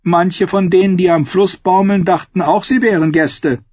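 A man reading a story aloud, voicing a hardened young girl who answers flatly and without pity. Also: high-pitched, normal speed, no room sound, lo-fi sound, voice pushed up. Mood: cold. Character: hard, cold young girl, unmoved.

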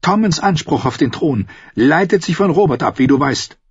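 A man voicing a scheming, pleading queen in a raised falsetto for an audiobook. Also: normal speed, slightly rough, no room sound. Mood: sharp. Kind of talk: audiobook reading. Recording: dry, dull close recording.

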